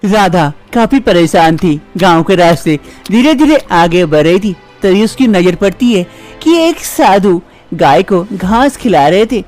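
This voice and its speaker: Expressive woman storyteller. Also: mid-range voice, a little slow, faint music behind. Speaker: narrator. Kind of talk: scripted storytelling narration.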